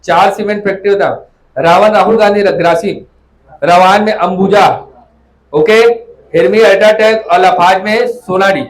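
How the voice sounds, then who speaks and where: A man's voice: sits high, steady tone, normal speed, poor audio. A man teaching a classroom lecture, repeating memory tricks and calling students "beta".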